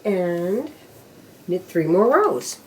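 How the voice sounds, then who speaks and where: An older woman, a knitting instructor, casually walks through machine knitting step by step, talking to herself and counting rows aloud. Her lowish voice is sing-song and very slow, with a noisy background.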